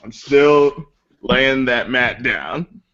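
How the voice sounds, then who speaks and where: A man's voice: medium pitch, expressive, extremely slow, a bit bright, muffled recording. A man hosting a casual wrestling chat, speaking with a sore, swollen lip after mouth surgery. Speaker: podcast host.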